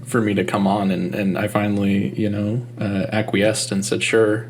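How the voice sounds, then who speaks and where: A man's voice: on the low side, completely flat delivery, normal speed, a little hiss or hum. A man as a talk show guest, speaking in a dry, wry way with some hesitation. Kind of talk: casual chat.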